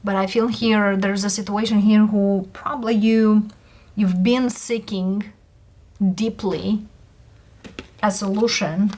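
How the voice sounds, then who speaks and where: A woman who is a non-native English speaker gives a casual tarot reading, speaking haltingly in short phrases with pauses. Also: medium pitch, steady tone, darkish tone. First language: not English. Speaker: tarot reader host.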